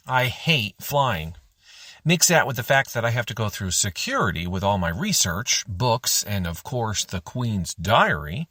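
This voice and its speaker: Casting: male audiobook narrator, husky voice, very lively pitch, expressive first-person reading. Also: no room sound, studio quality.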